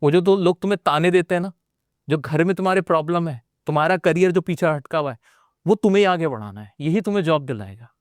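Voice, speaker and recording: A man with an Indian accent teaches an energetic spoken English class, urging his students on and repeating lines to drive them home. His voice sits a little high for a man and sounds smooth and crisp. The recording is close and dry, with no room sound. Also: fast talker, no echo. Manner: motivational, addresses students directly and repeats phrases. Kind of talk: energetic online class lecture.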